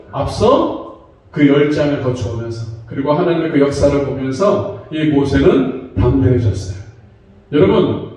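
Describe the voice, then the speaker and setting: A man's voice: high-pitched, mellow. A man preaching a sermon as pastor, talking conversationally and acting out voices in quotes. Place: church sanctuary. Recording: very echoey church hall, from far off.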